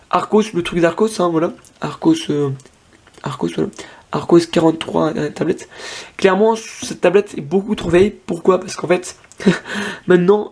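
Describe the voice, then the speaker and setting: A man's voice: fairly high pitch, a little mellow. A young man casually demoing an old tablet on camera, thinking aloud with lots of fillers and restarts. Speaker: tech vlogger. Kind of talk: casual hands-on device demo.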